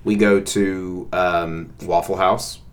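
Deep-voiced man, casual podcast co-host, chatty and repetitive. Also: steady tone, slow pace. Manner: rambling, repeats words, many fillers. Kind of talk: casual couple's podcast chat.

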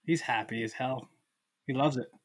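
A young man co-hosting a sports podcast, dropping quick sarcastic interjections. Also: medium pitch, dry recording. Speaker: podcast co-host. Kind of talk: casual sports chat.

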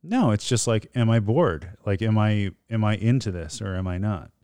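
A man guesting on a podcast, talking casually with a rambling, halting delivery and a goofy streak. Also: lowish voice, mellow, smooth, no echo, studio quality. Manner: rambling, many fillers and restarts, goofy.

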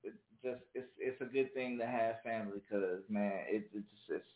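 A man's voice: lowish voice, normal speed, slight background noise. A man co-hosting a casual chat among fellow truck drivers. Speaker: podcast co-host, truck driver. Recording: roomy, narrow lo-fi sound.

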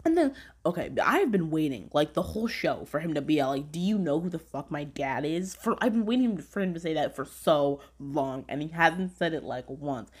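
A young woman hosting a casual weekly review podcast, animated and sweary, swinging from low mumbles to high squeals. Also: brisk, breathy edge. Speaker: podcast host reviewing shows.

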